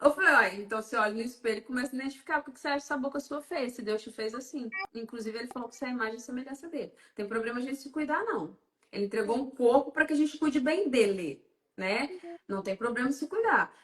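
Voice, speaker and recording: Woman guest on a faith talk, lively storyteller acting out dialogue, high voice, roomy sound. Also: quick pace. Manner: animated storyteller, acts out dialogue. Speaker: psychoanalyst guest. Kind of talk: casual faith-based talk.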